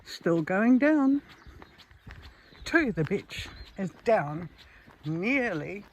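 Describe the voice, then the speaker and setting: Very animated, with a medium pitch and a darkish tone, a New Zealand travel vlogger talks to her handheld camera as she walks a hilly rural road. She's slightly out of breath yet relaxed and admiring, and outdoor ambient noise comes through.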